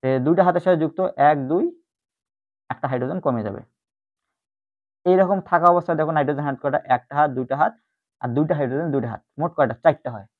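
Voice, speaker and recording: A man's voice: on the high side, fast talker, long pauses. Tinny-sounding male chemistry teacher. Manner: explains step by step, repeats key terms. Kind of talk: online lecture. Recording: tinny phone-like audio.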